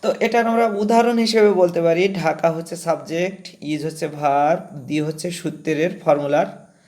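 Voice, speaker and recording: Guy teaching english grammar, kinda high voice, goes slow and repeats the terms. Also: fairly even intonation, a little mellow. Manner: explains step by step, repeats key terms. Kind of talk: classroom grammar lesson.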